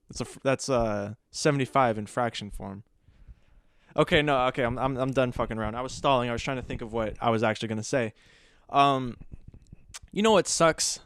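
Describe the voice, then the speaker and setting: A man's voice: medium pitch, fairly bright tone, clean tone, no room sound, studio quality. A young man hosting a podcast alone, rambling in a jokey, self-mocking way. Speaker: podcast host. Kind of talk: casual solo podcast chat.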